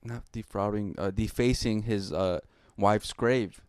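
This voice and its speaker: A man co-hosting a podcast, calmly breaking down football plays in casual chat with many "you know" fillers. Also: on the low side, measured pace, smooth, dry recording, clean studio sound. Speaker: podcast co-host.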